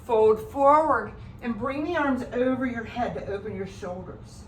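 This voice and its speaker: Unhurried and a little high-pitched, a woman calls out poses in a yoga flow class, with reverberant sound and slight background noise. Her directions are calm, though moving through the flow sometimes leaves her slightly out of breath.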